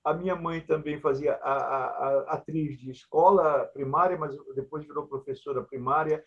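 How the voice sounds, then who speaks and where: A man's voice: fairly high pitch, fairly even intonation, moderate pace, breathy edge. An older man from Brazil with a Maranhão accent, telling his life story in an interview in a blunt, joking, earthy way. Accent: Maranhão Brazilian Portuguese. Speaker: puppeteer and researcher, guest. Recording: dull lo-fi sound.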